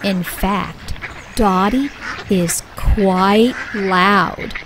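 A woman reading a children's picture book aloud with clear, expressive storytelling. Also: mid-range voice, extremely slow, noisy background. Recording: soft music bed underneath.

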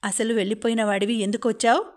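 A woman's voice: fairly high pitch, fairly even intonation, moderate pace, a little mellow, natural voice. A woman voicing an angry young woman in an audiobook, snapping back in short lines.

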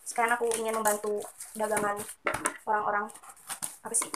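A woman's voice: mid-range voice, monotone, fairly quick. A young woman chats casually while unboxing and reviewing snacks for viewers. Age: young adult. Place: small room at home. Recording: very noisy room, crinkling packaging.

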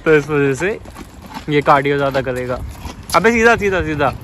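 A young man talks into a handheld phone while riding a bike down city streets, teasing his friend in loose, joking banter. His voice sits a little higher than most men's, and clear traffic and street noise run underneath. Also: animated, moderate pace, a bit bright. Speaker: vlogger. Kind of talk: casual chat. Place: outdoors on city streets at night and in a gym. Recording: noisy outdoor street ambience.

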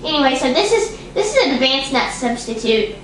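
A woman's voice: high-pitched, big pitch swings, brisk, noisy background. A woman puppeteer improvising a home cooking show, chatty and self-conscious, also minding the camera. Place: home kitchen. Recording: echoey home kitchen.

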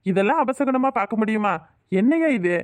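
A woman's voice: on the high side, expressive, a little fast, close to an everyday voice. A woman voicing an earnest young man, the groom in a cartoon, who protests respectfully and reasons with his elders. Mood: protesting.

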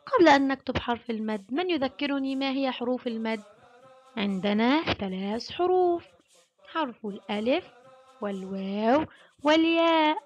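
A woman teaching a kindergarten Arabic lesson, sounding out letters slowly and praising the children often. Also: sits high, expressive. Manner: slow, drawn-out syllable sounding with warm praise.

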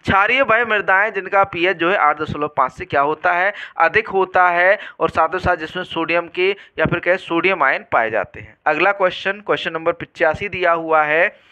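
A man's voice: sits high, moderate pace, pushed and bright, clear, resonant tone, muffled recording. A man teaching an exam-prep lesson, quizzing students and repeating each question and answer back to them.

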